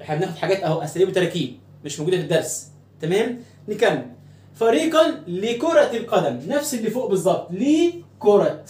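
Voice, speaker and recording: A man who speaks with an Egyptian Arabic accent, teaching an Arabic grammar lesson. He drills words slowly and asks questions that he answers himself. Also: high voice, lively intonation, a little mellow, echoey room.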